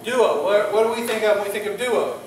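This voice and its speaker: A man leads a relaxed church classroom lesson, stumbling through fillers and restarts and trading jokes with the students. He is picked up from across the room, and his voice rings in the big, echoey space. A faint hiss sits under the whole recording. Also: sits high, far from the mic. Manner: halting, many fillers and restarts, jokey with students. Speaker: pastor teaching a Greek class. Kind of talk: informal classroom teaching.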